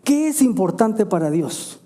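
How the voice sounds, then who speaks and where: A male pastor preaching a sermon, asking emphatic questions and answering them quietly, often adding "¿verdad?". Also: sits high, sing-song, a little slow. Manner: stops to self-correct and ask "¿verdad?".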